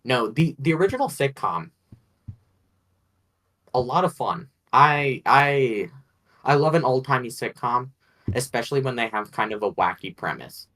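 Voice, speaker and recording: A man's voice: mid-range voice, expressive, normal speed, long pauses, a bit bright, rough recording. A man co-hosting a podcast in casual chat, rambling and hedging as he thinks aloud. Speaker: podcast co-host.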